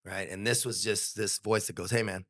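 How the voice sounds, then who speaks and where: A man's voice: fairly low pitch, steady tone, normal speed, fairly bright tone. A young adult man talking as a podcast guest in a casual, earnest and reflective way, swearing freely. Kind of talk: casual conversation.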